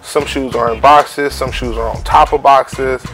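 A man from Cleveland in his thirties giving a relaxed, chatty closet-tour vlog narration at home. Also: mid-range voice, measured pace. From Cleveland, Ohio. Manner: relaxed, chatty, uses lots of fillers like "so yeah" and "like". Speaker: family vlogger.

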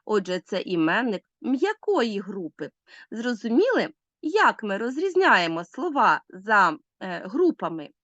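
A woman teacher giving a recorded school lesson, speaking clearly and instructively. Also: mid-range voice, unhurried, no echo, lo-fi sound. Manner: clear, instructive, lively intonation.

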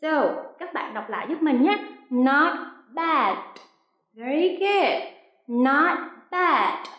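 A woman from Vietnam teaching an online English lesson, sounding out drills slowly and clearly and praising her learners. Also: sits high, expressive, fairly bright tone. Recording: echoey room.

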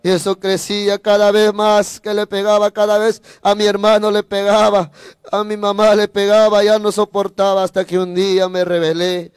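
An evangelist preacher gives his sermon testimony fervently, his high, smooth voice staying close to a single monotone level at a moderate pace. He repeats phrases, breaks in with praise, and often turns to speak directly to his listeners. The recording is dry and close, with no echo.

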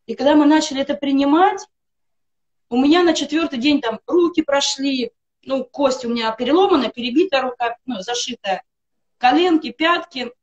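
The recording sounds muffled as a middle-aged woman with a high voice talks at a moderate pace. Joining a live stream by video call from a room in her home, she earnestly vouches for a wellness product, reeling off one emphatic list after another.

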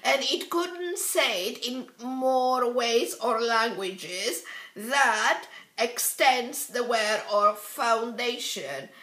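A woman's voice: fairly high pitch, lively intonation, extremely slow, a bit bright. A woman beauty vlogger reviewing her favourite products in a casual, hesitant way, with many fillers and restarts. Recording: echoey room.

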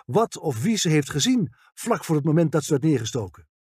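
A man reading an audiobook, voicing a grey older police detective who speaks calmly and politely. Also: on the high side, fairly quick, slightly rough, no room sound, studio quality, exaggerated voice. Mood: measured. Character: grey veteran police detective, patient and courteous.

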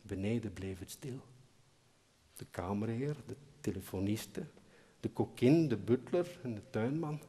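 A man narrating a story as a dramatic recitation at a live concert, slow and expressive, dropping to near-whispers and rising to loud outbursts. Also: fairly low pitch. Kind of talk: dramatic recitation over chamber music. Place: concert hall, live performance. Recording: live concert hall with long reverb.

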